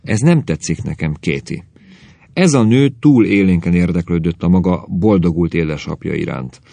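A suspicious husband who grumbles and mutters his doubts, as a man plays him in a storybook reading. The voice is deep and gravelly. It sounds close and dry. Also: lively intonation, mellow, no room sound, exaggerated voice. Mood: grumbling.

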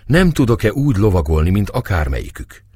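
A man's voice: on the low side, big pitch swings, a little mellow, breathy edge, no room sound, voice pushed up, heavily acted. A man voicing a playful, spirited young noblewoman, a new bride, in a dry audiobook recording. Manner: eager, playful, defiant.

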